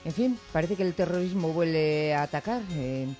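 A woman's voice: sits low, lively intonation, moderate pace, dark tone. A woman with a Spanish accent presents live radio from a studio. She is informal and chatty, steering the conversation with questions, and music sometimes plays faintly behind her. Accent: Spain. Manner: chatty, informal, frequent acknowledgements. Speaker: radio host. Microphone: studio microphone.

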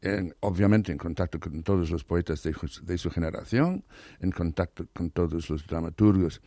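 A man speaking Spanish as a learned language, hoarse today, talking eagerly in an interview and often restarting or repeating words. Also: low voice, normal speed, mellow, no echo, clean studio sound. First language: not Spanish. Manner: enthusiastic, restarts words, many repetitions. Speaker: interview guest, literary scholar. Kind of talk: thoughtful conversational interview.

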